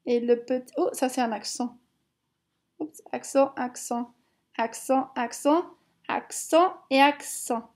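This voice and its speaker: Slow, patient high-voiced woman teacher. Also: a little mellow. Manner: slow, patient and encouraging, repeating words. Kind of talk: homework lesson for young children.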